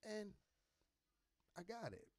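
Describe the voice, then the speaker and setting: A man's voice: sits high, sing-song, slow pace. A man hosting a radio show, telling a personal story in casual talk and acting out the quoted dialogue, swearing freely.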